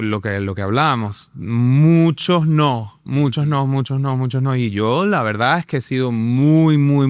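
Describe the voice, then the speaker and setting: An actor in his thirties with a Venezuelan accent speaks as a guest in a casual interview, enthusiastic and full of fillers and restarts. His voice is mid-range and clean-toned, recorded in a clean studio with no echo.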